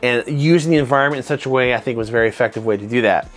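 A man in his thirties, a martial arts instructor, talking to camera from a home studio on a lapel mic, giving animated, nitpicky commentary on a fight scene. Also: mid-range voice, very fast, faint music behind. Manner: animated, conversational, self-described nitpicker. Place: home studio room with desk lamp and monitors. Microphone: clip-on lapel mic.

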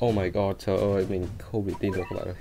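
A man hosting a gaming channel, chatting casually through his game pulls and bursting into loud, shouting surprise at good results. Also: deep voice, level tone, rapid-fire, creaky, faint music behind.

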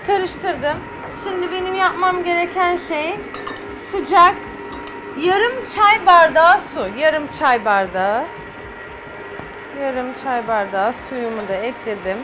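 A middle-aged woman, a guest chef on a TV studio kitchen set, walks through each step of a cooking demonstration as she works. Her voice sits high and she speaks slowly, with noise in the background.

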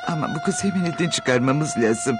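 A man's voice: medium pitch, a little fast, over music, lightly acted. A man playing a middle-aged mother in a television sitcom, exclamatory, sarcastic and dramatic. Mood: exasperated.

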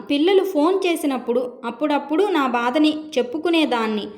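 A woman reading a first-person story aloud in a measured, sorrowful way. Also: high-pitched. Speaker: story narrator.

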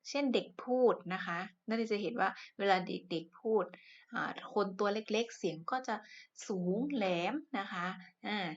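A woman's voice: medium pitch, a little slow. A woman teacher giving a science lesson to primary pupils, speaking patiently with polite phrase endings and frequent fillers. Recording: muffled lo-fi recording.

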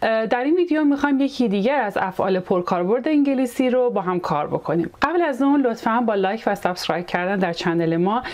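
A young adult woman with a Persian accent, an English teacher explaining verbs step by step in a video lesson and repeating example sentences slowly. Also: a little high, animated, a little mellow.

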